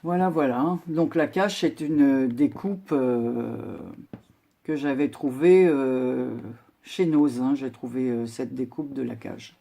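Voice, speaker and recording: An older woman chatting casually as she shows a handmade craft project, unhurried with many filler pauses. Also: a bass voice, vocal fry, mellow. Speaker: crafting vlogger. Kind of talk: casual show-and-tell craft video.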